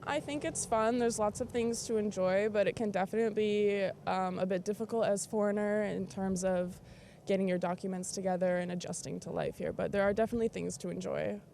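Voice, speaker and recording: Sex: woman. Style: street interview. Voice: gravelly, mid pitch. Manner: measured. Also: steady tone, dark tone, slight background noise.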